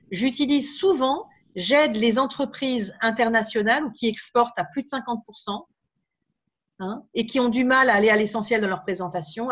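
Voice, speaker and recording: Lively woman trainer on a dull recording. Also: a little high. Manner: lively, with many tag words and asides. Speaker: speaker trainer. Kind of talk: live workshop talk.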